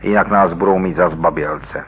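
A man's voice: low-pitched, steady tone, slightly rough. A man voicing a young male street gang leader who speaks urgently and pleads for help, heard over a tinny radio broadcast. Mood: pleading.

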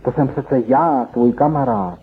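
A man's voice: mid-range voice, a little hiss or hum, voice pushed up, lightly acted. A man voicing a tearful young man who begs his friend to stop, heard on a tinny lo-fi recording. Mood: tearful pleading. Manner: pleading, crying.

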